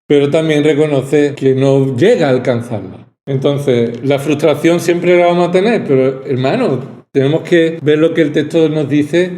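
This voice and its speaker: A man's voice: mid-range voice, dark tone, reverberant. A male pastor from preaching a sermon, pressing his points with rhetorical questions and repetition. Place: church hall.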